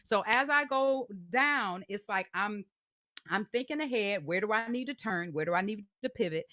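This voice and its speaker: A woman's voice: mid-range voice, lively intonation, normal speed, bright, forceful tone, no room sound, clean studio sound. A woman teaching a live online singing masterclass, explaining exercises in an encouraging, chatty way and singing demonstrations. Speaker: vocal coach.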